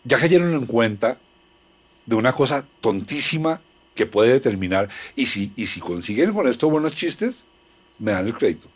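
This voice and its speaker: Colombiano explicativo, de tono medio. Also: male voice, medium pitch, big pitch swings, moderate pace, breathy edge. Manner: explanatory, mock-philosophical, illustrating with acted quotes. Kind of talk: casual conversation.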